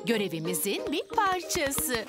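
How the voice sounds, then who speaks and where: A high-voiced lady rabbit in a children's cartoon. She is a dutiful firefighter with lively, bobbing intonation, and music is clearly audible behind her. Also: a little slow, full character voice. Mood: matter-of-fact. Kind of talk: dubbed preschool cartoon dialogue.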